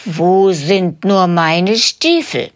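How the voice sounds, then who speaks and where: A woman voicing a kindly, slow-spoken old St. Nicholas in a storybook reading. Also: fairly low pitch, lively intonation. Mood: searching. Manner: slow and measured.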